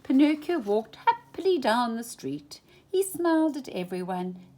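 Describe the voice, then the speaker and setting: A woman storyteller reads a children's storybook in a high, very animated voice. Her deliberate, dramatic delivery shifts between full voice and hushed phrasing.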